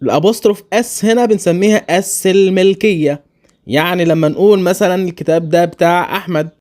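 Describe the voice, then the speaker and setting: A man with an Egyptian Arabic accent teaching a beginner English lesson, saying each English word slowly and twice for learners. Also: sits high, darkish tone.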